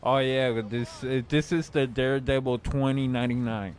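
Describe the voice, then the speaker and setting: A man's voice: medium pitch, fairly even intonation, moderate pace. Laid-back man playing a game on stream. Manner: short reactions, laughs along. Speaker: co-host playing a video game. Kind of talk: casual gaming stream chat.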